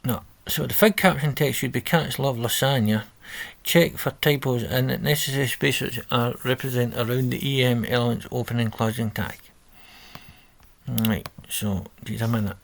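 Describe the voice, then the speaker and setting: A man's voice: mid-range voice, steady tone, moderate pace, creaky. A man talking through a coding exercise on a screen recording, reading out steps and correcting himself as he goes. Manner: thinking aloud, self-correcting, reading instructions. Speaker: coding tutor. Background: keyboard typing.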